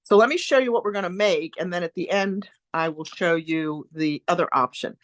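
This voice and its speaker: A woman's voice: fairly low pitch, a little fast. A woman hosting a casual live-stream craft class, chatty and upbeat, rambling with asides and greeting viewers by name.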